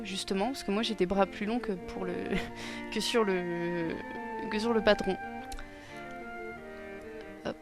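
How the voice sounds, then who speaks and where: A young woman casually explaining a costume sewing project, hesitant and self-deprecating with many pauses and fillers. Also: mid-range voice. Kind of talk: casual tutorial narration. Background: music.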